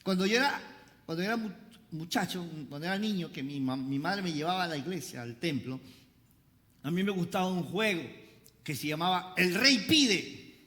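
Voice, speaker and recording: A pastor preaching a sermon, having the congregation repeat lines after him, with playful joking asides. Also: male voice, high voice, expressive, moderate pace, sharp tone. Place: church service. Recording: reverberant church hall.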